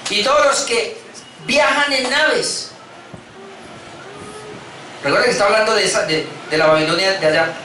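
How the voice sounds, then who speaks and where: A man's voice: high voice, expressive, quick pace, pushed and bright, slight background noise. A male pastor with a Colombian Spanish accent preaching, who reads scripture aloud with rising emphasis and adds asides. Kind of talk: expository sermon reading scripture. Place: church hall. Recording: echoey hall, mic at a distance.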